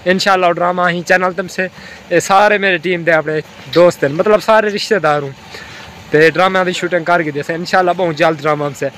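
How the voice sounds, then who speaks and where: A man's voice: high-pitched, fairly even intonation, a little fast, a bit bright, slight background noise. A man with a Saraiki accent from Pakistan, chatting casually and joking with friends in a village vlog. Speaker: village vlogger. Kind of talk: casual outdoor vlog chat.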